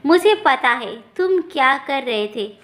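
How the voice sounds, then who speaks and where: A woman's voice: high-pitched, animated, a little slow, fairly bright tone. A woman voicing a naive, shy young village daughter-in-law who speaks politely. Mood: indignant. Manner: polite, then indignant.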